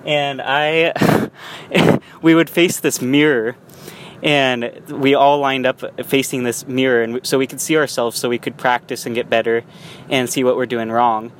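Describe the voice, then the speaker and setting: With a level, unhurried mid-range voice, a young man chats to the camera as he drives. It's a rambling vlog monologue full of restarts and small laughs, and faint road noise can be heard.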